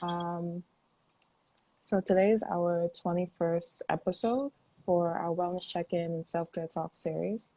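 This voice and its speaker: A woman's voice: on the low side, steady tone, a little slow, mellow, low-quality recording. Upbeat woman hosting a chat. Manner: upbeat, many fillers. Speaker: host. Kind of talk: casual interview chat.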